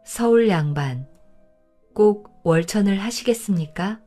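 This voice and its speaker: A woman voicing a calm, wry old man who is a high state minister in disguise. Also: faint music behind. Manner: quiet, unhurried, dry.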